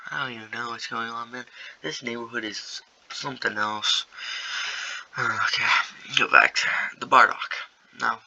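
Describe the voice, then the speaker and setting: A man's voice: medium pitch, steady tone, normal speed, creaky, sharp tone, low-quality recording. A young man casually improvising a story, rambling and slangy, with many fillers.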